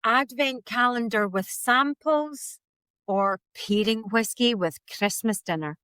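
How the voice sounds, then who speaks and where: A woman co-hosting a podcast in casual chat, playful and quizzing her co-host, quick to laugh. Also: fairly high pitch, pushed and bright, smooth, no room sound.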